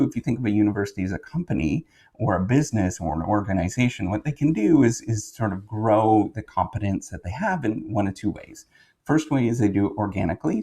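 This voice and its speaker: In a loose, meandering explainer, this Canadian professor and video host stops to correct himself and check in along the way. He speaks with a lowish, husky, warm voice.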